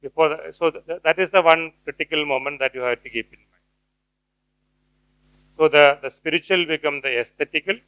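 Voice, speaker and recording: A man's voice: fairly high pitch, a little fast, long pauses, pushed and bright, smooth, dry recording, lo-fi sound. Man giving a hesitant academic lecture. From India. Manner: hesitant, many fillers and restarts. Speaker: guest speaker, cultural theorist.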